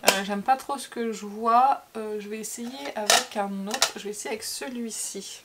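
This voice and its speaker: A woman's voice: medium pitch, steady tone, normal speed, very noisy. A woman from France chatting casually through a makeup tutorial, with frequent fillers and repeated words. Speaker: beauty vlogger.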